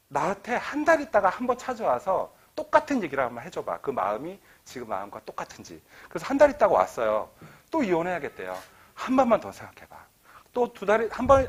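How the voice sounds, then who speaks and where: A man's voice: medium pitch, slightly rough. A middle-aged man giving an author talk to an audience, telling stories and acting out quoted dialogue. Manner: animated storytelling, acts out quoted dialogue. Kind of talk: lecture to an audience. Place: lecture hall.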